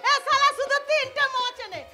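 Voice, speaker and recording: A woman's voice: extremely high pitch, fairly quick, sharp tone, soft background music, heavily acted. A woman playing a coarse, mocking brothel madam who barks orders, in live folk-theatre style. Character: hard-bitten middle-aged brothel madam, coarse and cruel. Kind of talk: live jatra stage acting. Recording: live stage with audience noise.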